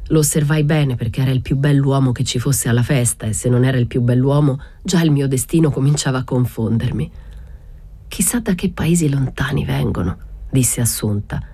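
A woman reading a literary novel aloud, narrating in the first person with a steady, measured delivery. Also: a bass voice.

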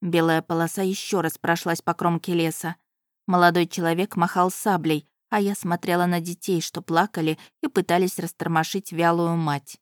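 Female audiobook narrator, lowish voice, dry close mic, first-person storytelling. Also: flat delivery, moderate pace, dry recording.

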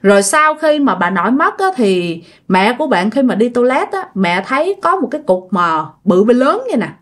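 A woman telling a ghost story in a chatty, expressive way, talking straight to her listeners. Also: fairly high pitch, moderate pace. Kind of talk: casual ghost story narration.

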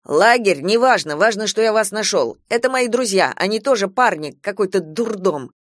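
A woman's voice: medium pitch, lively intonation, normal speed, no room sound, clean studio sound, natural voice. A woman doing a flustered young man in drag. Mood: exasperated. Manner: flustered, hoarse pleading.

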